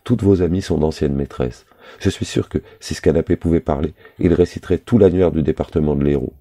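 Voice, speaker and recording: A man's voice: a bass voice, fairly quick, mellow. A man reading aloud the lines of a jealous, capricious young woman, voicing her with little change from his own voice.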